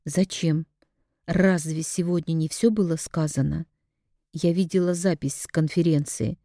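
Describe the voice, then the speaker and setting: A woman voicing an angry, betrayed young woman who accuses and shouts. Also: sits low, steady tone, a little slow, dry recording, clean studio sound. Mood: tense.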